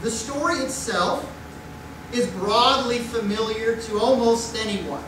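A man's voice: very high-pitched, measured pace. A middle-aged man preaching a conversational sermon at a pulpit, with rhetorical questions and mock voices, recorded on a distant room mic in a church sanctuary. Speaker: pastor. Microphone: far room mic at a pulpit. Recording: echoey church from far off with noise.

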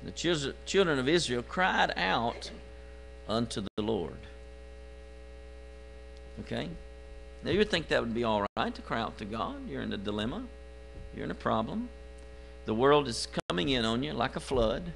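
A man preaching a sermon in church, moving from quiet low asides to loud, drawn-out exclamations. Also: big pitch swings, gravelly, rough recording. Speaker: pastor. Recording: live stream with faint mains hum.

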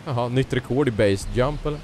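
A man's voice: medium pitch, a little hiss or hum. A young man chatting casually and joking while playing a co-op game. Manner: joking, teasing, excitable. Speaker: gaming YouTuber. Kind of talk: casual co-op gameplay chat.

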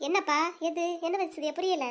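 A woman's voice: very high-pitched, fairly even intonation, normal speed, fairly bright tone. A woman voicing a sweet, emotional young daughter in a cartoon comedy, speaking with a Kanyakumari Tamil accent.

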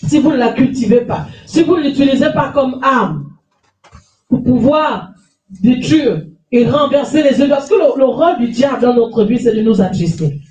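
Preaching emphatically with a handheld mic at a lectern, a middle-aged pastor from France who has a cold repeats phrases and asks for amens in a small church hall with a stage. Her high, expressive voice is slightly mellow at a moderate pace, heard from afar through an echoey room via a far camera.

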